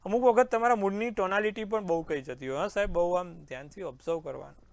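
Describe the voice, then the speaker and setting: Speaking quickly in a high, creaky voice with no echo, this astrologer host delivers daily horoscope forecasts and advice to callers. He sounds confident and reassuring and addresses his viewers as sir.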